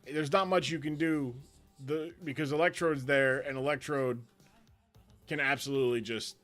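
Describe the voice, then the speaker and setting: A man's voice: mid-range voice, moderate pace. Guy hosting a league stream, rambly play-by-play, bit of music behind. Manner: rambling and excitable, laughs often. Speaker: league commissioner and host. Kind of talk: live stream match commentary.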